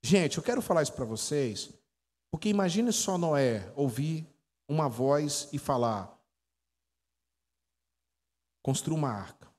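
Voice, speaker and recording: His voice is a little high, animated and a little mellow, and he speaks unhurriedly with a Brazilian Portuguese accent. This Brazilian pastor in his forties shares stories and quizzes the congregation in a conversational teaching sermon in an echoey church hall.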